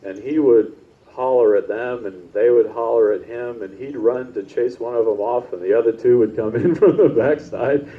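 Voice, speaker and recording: Heard on a muffled, lo-fi recording of a church service, this pastor speaks at a normal speed in a mid-range voice. His sermon is conversational and chatty, built on personal stories and sprinkled with "right?".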